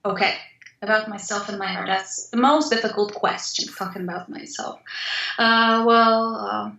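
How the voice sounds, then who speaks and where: A woman's voice: mid-range voice, steady tone, moderate pace, creaky, sharp tone, reverberant, lo-fi sound. A woman from Poland, a guest artist, talking thoughtfully in a casual interview and laughing easily.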